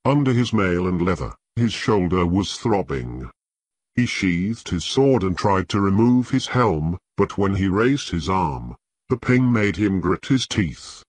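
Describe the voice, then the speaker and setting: A man narrating an audiobook in a measured, expressive storytelling manner. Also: low voice, no room sound. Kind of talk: scripted narration.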